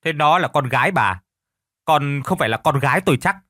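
A man playing a gruff older farmer husband who scolds and grumbles in exasperation. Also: fairly high pitch, animated, brisk, bright, forceful tone, dry recording, studio quality. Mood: indignant.

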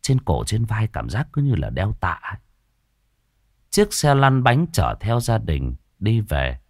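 Expressive low-voiced male ghost story narrator. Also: unhurried, gravelly, dry recording, clean studio sound.

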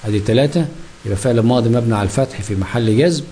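Fast-talking Egyptian man teaching grammar. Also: medium pitch, dark tone, slight background noise. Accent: Egyptian Arabic. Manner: asks himself questions and answers them. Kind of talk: explaining grammar lesson.

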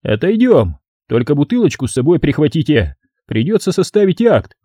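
A man's voice: on the high side, sing-song, normal speed, dark tone, dry recording, clean studio sound, pitched above the performer's own voice. A man voicing a young police sergeant who speaks firmly and officially. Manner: official, firm.

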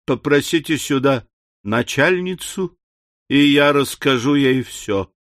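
A man voicing a stout, earnest middle-aged English gentleman in an audiobook, pleading and emphatic. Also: mid-range voice, animated, slow pace, no echo, studio quality. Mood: insistent. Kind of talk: audiobook character reading.

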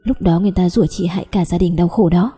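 A woman's voice: on the low side, quick pace, dark tone, breathy edge, in a large hall. A woman voicing a protective young cousin who coaxes and scolds tenderly in a story reading. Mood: coaxing.

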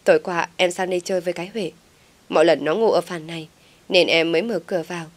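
A woman's voice: lowish voice, fairly even intonation, fast, lightly acted. A woman voicing a scheming young female teacher who feigns being the victim with tearful pleading. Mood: pleading, sobbing.

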